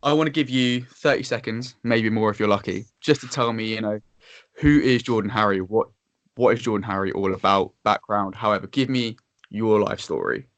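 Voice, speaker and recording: A man's voice: on the low side, normal speed, no room sound. A man hosting a casual podcast interview, upbeat and chatty, laughing often, with loose filler-heavy talk. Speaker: podcast host.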